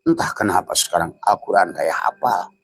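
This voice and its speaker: A man's voice: low-pitched, normal speed, vocal fry, breathy edge, no room sound, faint music behind, rough recording. An older man giving a spiritual teaching, chuckling often and dropping into whispered asides. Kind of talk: Sufi religious teaching.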